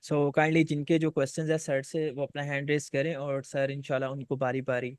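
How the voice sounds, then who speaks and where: A man moderates a live video session in a narrow, slightly high pitch. His voice is smooth and clear on a dry call line. He is polite and hesitant, dropping English phrases and many "uh"s. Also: flat delivery, normal speed, no room sound. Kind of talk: live online session hosting.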